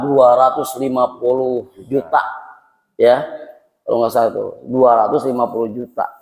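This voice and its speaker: A middle-aged man from Indonesia preaching a dawn lecture in a mosque, telling stories with lively acted-out voices. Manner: animated storytelling, acting out voices with big pitch swings. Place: mosque hall. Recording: echoey mosque hall.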